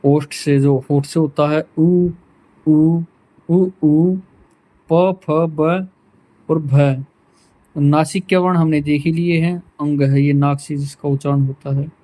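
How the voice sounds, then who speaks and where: A man teaching a pronunciation lesson, sounding out each sound one at a time to show it. His voice sits a little high for a man, and he speaks very slowly and deliberately. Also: fairly even intonation, dark tone, low-quality recording. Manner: slow, demonstrates each sound aloud.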